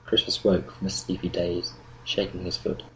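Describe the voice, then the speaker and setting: A man reading an audiobook novel in steady, measured narration. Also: deep voice, slight background noise, low-quality recording. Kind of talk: scripted narration.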